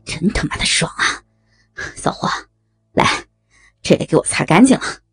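A woman's voice: normal speed, close to an everyday voice. A woman voicing a crude, menacing man in an erotic audio story, in a sneering, bullying manner. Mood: sneering menace.

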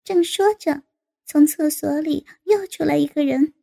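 A woman reading a story aloud in a steady storytelling manner. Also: sits high, a little slow, gravelly. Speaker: narrator. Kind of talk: read-aloud story narration.

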